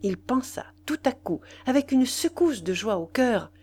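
A woman reading a classic novel aloud in a fairly high voice, shaping the scene with expressive, dramatic storytelling. Her narration moves between measured calm and tense urgency. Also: husky. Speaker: audiobook reader. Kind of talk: literary audiobook narration.

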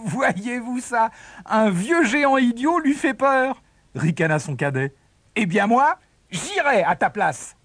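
A man's voice: on the high side, brisk, slightly rough. A man voicing a boastful but cowardly young son who stammers, in a fairy tale. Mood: sneering.

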